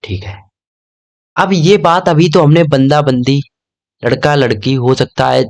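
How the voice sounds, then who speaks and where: A man's voice: a little high, steady tone, a little slow. A young man teaching an exam-prep lesson in a casual, chatty way, often checking in with "okay?". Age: young adult.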